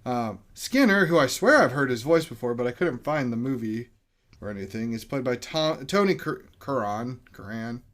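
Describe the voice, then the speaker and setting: A man's voice: mid-range voice, animated, normal speed, fairly bright tone. A man co-hosting a movie podcast, rambling casually and swearing now and then. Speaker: podcast co-host.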